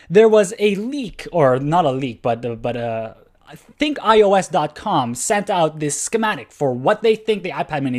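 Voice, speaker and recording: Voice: medium pitch, a little mellow. A tech podcast host giving casual solo news commentary, rambling and self-correcting with lots of fillers, laid-back and chuckling at their own tangents.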